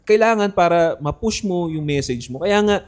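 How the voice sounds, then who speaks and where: A man's voice: sits high, expressive, moderate pace. A man co-hosting a casual podcast, arguing his point and asking "right?" again and again. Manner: argumentative, repeats "di ba?" often. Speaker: podcast co-host.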